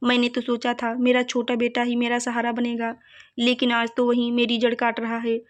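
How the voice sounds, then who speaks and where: A woman's voice: a little high, monotone, moderate pace, no echo, lightly acted. A woman narrator voicing a stern elderly mother-in-law who turns to pleading, in a storybook reading. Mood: anguished.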